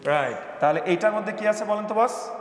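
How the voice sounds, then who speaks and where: A man's voice: sits high, brisk. Jokey male teacher in an echoey classroom. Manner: playful, jokey, quizzes students by name. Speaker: English pronunciation teacher. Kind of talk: classroom lesson. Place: classroom with students. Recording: echoey room with long reverb, faint background noise.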